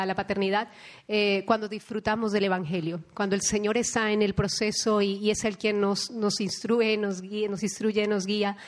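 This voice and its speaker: Flat-toned Spanish woman moderator. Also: medium pitch. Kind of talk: closing remarks.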